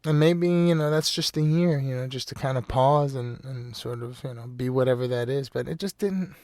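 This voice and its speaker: A man's voice: mid-range voice, moderate pace, a little mellow. A man hosting a casual solo podcast, rambling loosely with lots of "you know" and frequent laughs. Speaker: podcast host.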